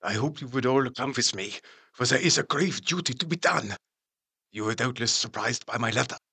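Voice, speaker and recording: Creaky, grave Van Helsing, vampire hunter. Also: male voice, mid-range voice, sharp tone, full character voice. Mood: solemn, pleading. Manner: solemn, deliberate, halting foreign phrasing. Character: grave, resolute older foreign male professor and vampire hunter. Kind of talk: dramatised gothic horror audiobook acting.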